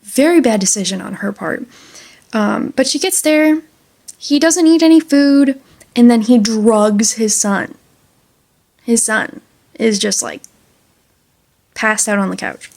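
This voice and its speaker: A woman's voice: fairly high pitch, slow pace, creaky, pauses often, darkish tone. A woman talking through a book in a casual review vlog, chatty and enthusiastic with lots of fillers.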